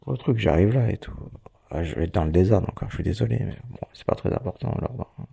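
A man with a gravelly, husky low voice tells a rambling, casual audio diary from his hospital stay. His tone is dark and mellow, loose and full of swearing and laughter. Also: lively intonation, quick pace. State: hospital patient. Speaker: podcast host.

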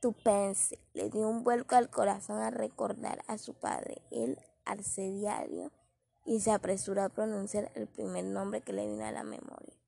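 Woman audiobook narrator, husky and dry, steady amateur reading. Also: medium pitch, moderate pace, dry recording. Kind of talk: storybook reading aloud.

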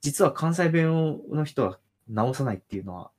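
A man's voice: a little high, expressive, moderate pace, a little mellow, husky. A man from Nagoya, a guest on a casual podcast, thinking aloud in a musing way with hesitant restarts. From Nagoya, Japan. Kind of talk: casual chat.

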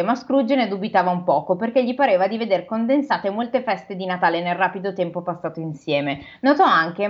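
A woman host reads a classic novel aloud in a steady voice at a middle pitch, slipping into casual, joking asides. The recording is dull and lo-fi. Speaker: podcast host and reader. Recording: dull lo-fi sound.

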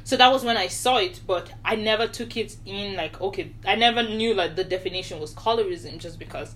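A woman's voice: mid-range voice, fairly quick, fairly bright tone, slight background noise. A young woman from Nigeria co-hosting a casual podcast, telling her story in an earnest, reflective way. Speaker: podcast co-host. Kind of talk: casual chat.

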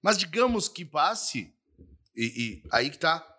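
Bright-voiced pastor. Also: male voice, on the high side, very animated, slow pace. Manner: earnest, affirming, drives points home firmly. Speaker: pastor, podcast co-host. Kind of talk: casual podcast chat.

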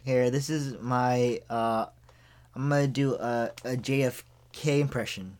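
A man's voice: mid-range voice, fairly even intonation, unhurried, darkish tone. A young man co-hosting a casual chat, teasing and laid-back. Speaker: podcast co-host.

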